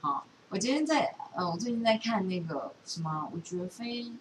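A podcast host with a Taiwanese accent chats casually, thinking aloud and rambling as she goes. Her mid-range voice carries lively intonation at normal speed in an echoey room, recorded on a distant mic with faint background noise.

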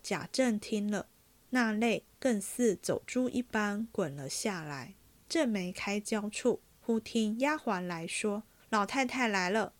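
A woman reading a classic novel aloud as a podcast host, in steady, measured storytelling. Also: mid-range voice.

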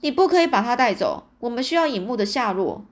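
A woman voicing a hoarse, menacing male senior disciple in a storybook reading. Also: a little high, big pitch swings, fast. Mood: threatening. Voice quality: hoarse, raspy. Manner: threatening.

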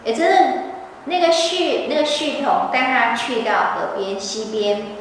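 Woman, religious lecture, lively storytelling, somewhat high voice, distant mic, long echo. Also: measured pace, slight background noise. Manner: animated, vivid storytelling. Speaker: religious teacher. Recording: echoey hall from far off.

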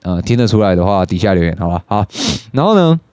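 A young man with a Taiwanese Mandarin accent tells a casual, rambling story into a close, dry studio mic. His voice sits fairly low, and he curses freely between his stories. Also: very animated, fast, warm tone, clear, resonant tone, no echo. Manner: swears often, jumps into high-pitched mimicry of others. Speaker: podcast host.

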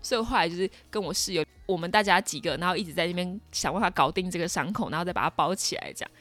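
A woman in her twenties with a Taiwanese Mandarin accent hosts a podcast, telling a personal story in a casual monologue with dramatic exclamations and plenty of fillers. Her voice is lowish and a bit bright, and she talks rapid-fire over soft background music.

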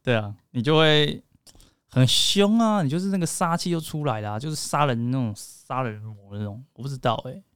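A man's voice: mid-range voice, brisk, fairly bright tone, clean tone, no room sound, studio quality. A young man co-hosting a casual chat, joking and rambling with frequent laughs. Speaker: podcast co-host.

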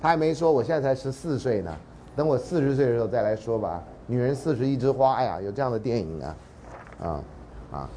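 A man's voice: mid-range voice, quick pace. Taiwanese guy lecturing a class, voice jumps all over, joking around, bit of hiss behind. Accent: Taiwanese Mandarin. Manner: animated and joking, drops into dramatic readings and half-sung lines. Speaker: university lecturer.

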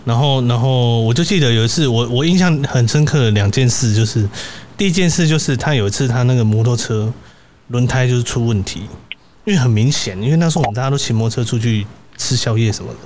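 A young man hosts a casual podcast and tells old college stories. His pitch sits in an ordinary middle range. He rambles, restarts his sentences and checks in with little tag questions, and a faint hiss runs under his voice. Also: fast, a little mellow. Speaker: podcast host. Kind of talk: casual storytelling chat.

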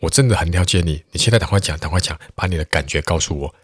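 A man's voice: deep voice, racing, husky, no echo, clean studio sound. A man voicing an overeager friend who pushes advice, in a story he tells. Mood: eager. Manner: eager, pushy. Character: overeager know-it-all friend.

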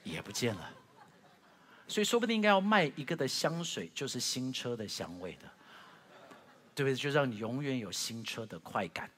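Pastor guy preaching, bright sharp voice, lots of stammery restarts, loud then quiet, big echoey hall. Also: mid-range voice, sing-song, moderate pace. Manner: emotional storytelling, swinging from loud to hushed. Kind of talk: sermon.

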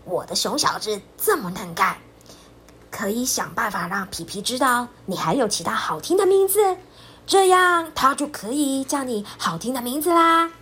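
A woman puts on a kind father bear in a children's storybook. The voice dips lower than her usual and stays soft. He sounds gentle and encouraging. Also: animated, moderate pace, slight background noise.

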